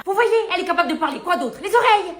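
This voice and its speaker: A woman's voice: very high-pitched, animated, racing, fairly bright tone, roomy sound, slight background noise. A woman playing a nosy, condescending female boss in a comedy sketch. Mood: bossy. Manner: pushy and condescending. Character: bossy nosy female boss, middle-aged, stingy.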